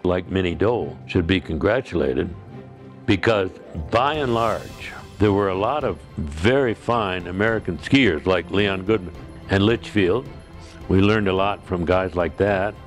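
A man's voice: low-pitched, a little slow, faint music behind. An older man, a former ski trooper, recalls the past in a conversational interview, with some hesitations. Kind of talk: interview recollection.

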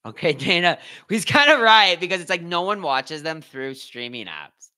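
A male streamer runs a live watch party in loose, slang-heavy chatter. His voice sits a little high and rings very bright and forceful. He keeps breaking off to read and answer his chat. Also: big pitch swings, moderate pace. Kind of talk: casual live-stream commentary.

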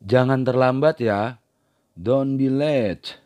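A man teaching beginners, reading short everyday phrases and then their translations in a slow, scripted drill. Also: mid-range voice, darkish tone. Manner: reads each phrase in one language, then its translation. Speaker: language teacher.

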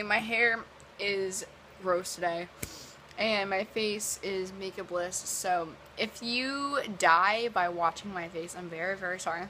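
A woman's voice: mid-range voice, bright, forceful tone, a little hiss or hum, low-quality recording. Chatty young woman with a sore throat. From US East Coast. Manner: chatty and rambling, many ums and likes. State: sore throat, partly lost voice. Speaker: vlogger. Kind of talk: casual vlog chat.

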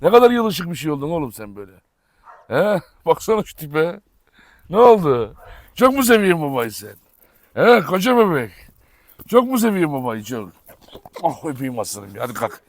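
A man filming a casual vlog outdoors in a yard, talking fondly to his dogs and explaining to viewers, with sharp commands now and then. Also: on the high side, big pitch swings, moderate pace, pauses often, no echo. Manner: affectionate baby talk to dogs, sharp commands. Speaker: dog breeder vlogger. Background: dogs barking.

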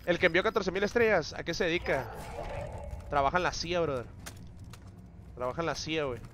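A man's voice: a little high, animated, a little fast, a bit bright, a little hiss or hum. A man chatting on a live game stream, teasing his chat with slangy banter.

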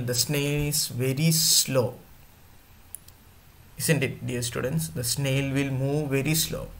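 Slow-speaking teacher man. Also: medium pitch, vocal fry. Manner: slow, repetitive, addresses students directly. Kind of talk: online class lesson.

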